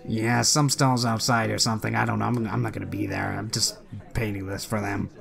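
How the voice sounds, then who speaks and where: Play a suspicious, gruff young student who talks low and conspiratorial, done by a man reading the game. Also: fairly even intonation, fairly quick, a crowd in the background. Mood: dismissive.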